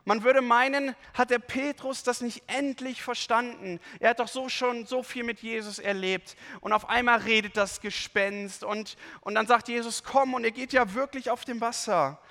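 A man preaching a sermon, reading scripture aloud and explaining it with lively, expressive emphasis. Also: extremely high pitch, normal speed, few pauses, long reverb tail.

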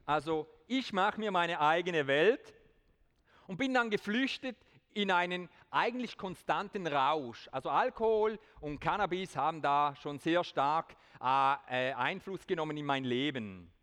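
A man with a slightly high voice gives an earnest testimony talk in a big hall, lightening it with self-mocking asides. A long hall reverb trails behind every phrase. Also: lively intonation, unhurried, fairly bright tone. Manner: switches to standard German for the audience. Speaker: speaker giving a testimony talk. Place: large hall with an audience.

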